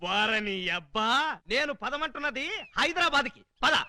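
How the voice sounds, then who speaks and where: A man's voice: extremely high pitch, lively intonation, normal speed, pushed and bright, exaggerated voice. An actor in a Telugu comedy film playing a drunk man who brashly mocks and insults his boss. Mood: mocking. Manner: brash, mocking, sarcastic.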